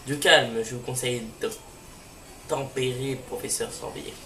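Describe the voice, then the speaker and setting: A man's voice: medium pitch, steady tone, a little slow, natural voice. Brief: half-whispered menacing villain, voiced by a man; echoey, off-mic sound. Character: menacing male villain grunt, threatening. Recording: roomy, distant mic, faint hiss.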